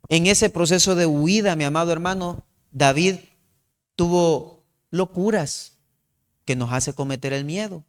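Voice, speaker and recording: A man's voice: on the high side, clear, resonant tone. A male pastor preaching a sermon, retelling the story and repeatedly calling the listener his beloved brother.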